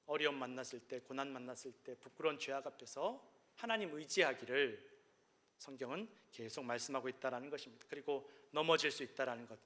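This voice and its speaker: A man's voice: mid-range voice, bright, forceful tone, big-room sound. A male pastor delivering a sermon in an emphatic, repetitive preaching cadence.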